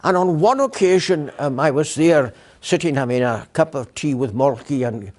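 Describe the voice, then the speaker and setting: A man's voice: on the high side, expressive, moderate pace. Older guy telling old council stories, lots of uhs and restarts, council chamber. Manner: warm storyteller, many fillers and restarts. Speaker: guest speaker, former provost. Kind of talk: public lecture full of anecdotes.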